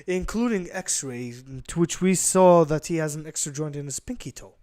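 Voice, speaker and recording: A man voicing a doctor who explains test results in a halting, matter-of-fact way. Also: fairly high pitch, animated, dark tone, natural voice.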